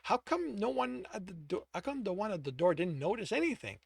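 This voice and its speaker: A man reading as a thoughtful, observant adventurer in a fantasy audiobook, with a slightly high, lively delivery. The sound is dry and close. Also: fairly quick, vocal fry, slightly rough, no room sound, full character voice.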